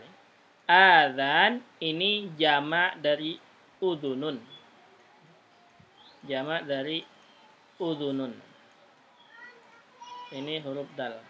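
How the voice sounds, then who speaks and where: Bright-voiced man teaching Arabic patiently. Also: a little high. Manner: patient, repeats "gitu, ya" tags; drills pronunciation word by word. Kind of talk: online class instruction.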